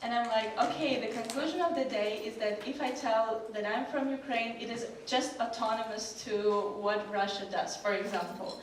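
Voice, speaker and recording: A woman's voice: on the high side, quick pace, hardly any pauses, recorded from a distance. A woman on a discussion panel talks in a loose, chatty way, full of fillers as she tells her stories. She sits well back from the mic in a very echoey hall with faint noise behind. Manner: chatty, storytelling, many fillers. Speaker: panel speaker. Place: event hall.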